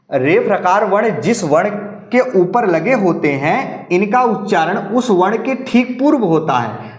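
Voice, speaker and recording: A man teaching Hindi grammar for exam prep, in a fairly high voice that rings around an echoey room. He explains step by step, repeating each rule and talking straight to his students. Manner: repeats and drills rules, addresses viewers as students.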